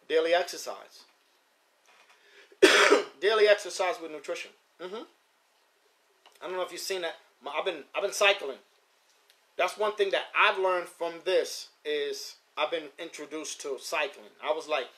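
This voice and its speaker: This pigeon keeper in his fifties streams live from home near his loft, speaking at a moderate pace with long pauses in a voice that is on the high side, pushed and bright. His talk is loose and street-casual, with points repeated for emphasis.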